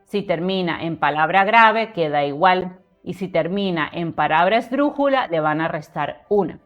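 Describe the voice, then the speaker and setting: A woman's voice: fairly low pitch, expressive, moderate pace, highs cut off, soft background music. A woman teaching literature, explaining poetic meter and counting syllables aloud to her viewers. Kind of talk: recited poem, then lesson.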